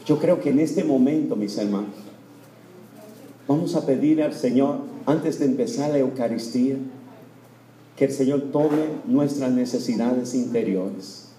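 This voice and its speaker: A man preaching an emotional sermon in a church, repetitive and full of fillers, swinging from loud fervent cries to hushed tones. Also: medium pitch, a little slow. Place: church before Mass. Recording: echoey church room.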